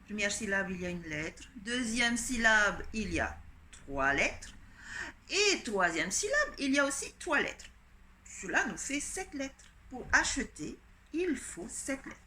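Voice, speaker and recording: Recorded at home for an online class with a little hiss or hum, a woman teaching primary school gives children a dictation lesson. Her fairly high voice swings widely in pitch and sounds sharp, and she spells out every letter and pen stroke patiently, at a measured pace.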